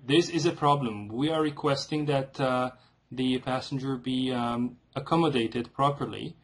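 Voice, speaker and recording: A man with a husky, mid-pitched voice speaks as a customer on a service call. He is formal and insistent, laying out his complaint in halting phrases. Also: steady tone. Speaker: customer calling an airline.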